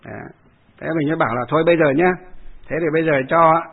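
A fairly high, husky male voice, a Buddhist monk rambling through a story with fillers and repetitions. The sound is narrow and phone-like, as if heard over a radio. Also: fairly even intonation, quick pace. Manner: rambling, with many filler sounds and repeated phrases.

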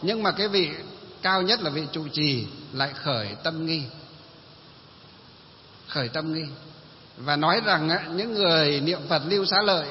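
A man's voice: a little high, normal speed, long pauses, slight background noise. A man giving a Buddhist sermon who keeps posing questions to his listeners and answering them himself. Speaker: Buddhist preacher. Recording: long hall reverb, dull lo-fi sound.

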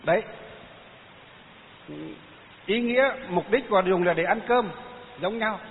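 A man with a northern Vietnamese accent giving a Buddhist sermon, asking rhetorical questions and answering them himself, with many drawn-out "à" fillers. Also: high voice. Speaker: Buddhist dharma teacher. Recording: tinny phone-like sound, hiss, long hall reverb.

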